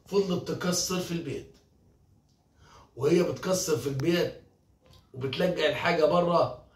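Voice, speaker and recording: A man with an Egyptian accent casually telling a folk tale, lively and animated, slipping into voices for the characters. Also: a little high, vocal fry. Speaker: storyteller. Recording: roomy, from a distance.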